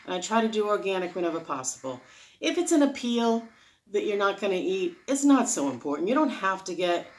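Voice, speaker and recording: Very animated and fairly quick, a woman with a mid-range voice gives off-the-cuff diet advice as a vlogger, and the recording is rough. She drifts into tangents while earnestly and emphatically explaining herself in this casual, unscripted monologue.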